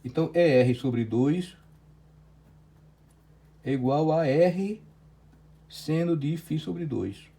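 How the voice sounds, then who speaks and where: A man's voice: a little high, expressive, slow, vocal fry, pauses often, dark tone. A Brazilian Portuguese-accented man teaching physics in an online lecture, working through a problem step by step and checking often with "certo?".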